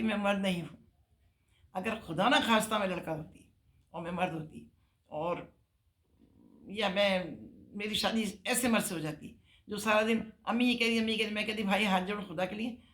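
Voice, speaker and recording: A woman's voice: mid-range voice, fairly bright tone. An older woman giving earnest, emphatic marriage advice on a talk show.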